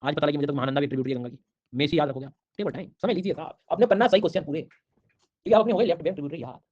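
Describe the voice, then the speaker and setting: Rapid-fire man drilling a live class. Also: a little high, muffled recording. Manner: rapid drilling repetition, teasing students. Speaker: online exam-prep teacher. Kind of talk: live online geography class.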